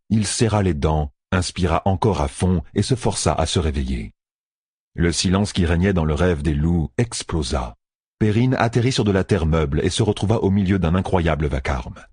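A man reading a fantasy audiobook in a measured, expressive storytelling voice. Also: low-pitched, breathy edge, dry recording, studio quality. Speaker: audiobook narrator. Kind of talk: scripted fantasy audiobook narration.

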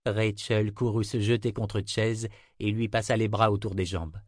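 A man's voice: on the low side, level tone, normal speed, no room sound. Man narrating a storybook, dry and close. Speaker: audiobook narrator. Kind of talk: scripted narration.

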